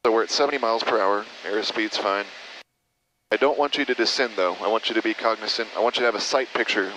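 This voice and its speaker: A lowish, sharp-edged male voice with an American accent comes over a slightly noisy cockpit intercom. He is a flight instructor, patiently coaching a student through the controls and encouraging as he goes. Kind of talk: hands-on flying instruction. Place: inside a small airplane in flight. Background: engine noise, radio chatter.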